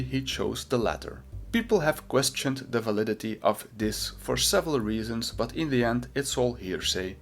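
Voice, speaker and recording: A man's voice: medium pitch, a bit bright. Sardonic man narrating scripted commentary. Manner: sardonic, mocking. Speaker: video essay narrator.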